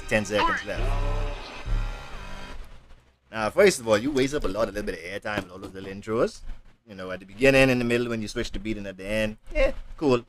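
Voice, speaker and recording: A man giving casual, jokey reaction commentary, talking back to a song and now and then yelping into high voices. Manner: animated, jokey, yelps into high put-on voices.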